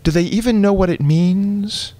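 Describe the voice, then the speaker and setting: Man doing a fussy old mother, higher and prim, patiently condescending, dry sound. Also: moderate pace, warm tone, dry recording, close to an everyday voice.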